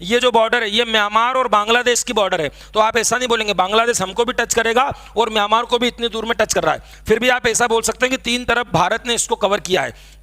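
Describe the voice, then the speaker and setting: A man's voice: very high-pitched, quick pace, bright, forceful tone. A man teaching a geography lecture, drilling students with repeated lists while he draws on a map. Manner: drills students with call-and-response repetition; talks while drawing on a map. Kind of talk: classroom lecture.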